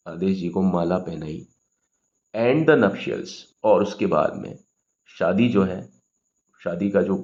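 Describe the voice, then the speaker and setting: A man's voice: deep voice, creaky, dark tone, muffled recording. A man teaching English grammar in Hindi, patiently explaining words and often checking with "okay?".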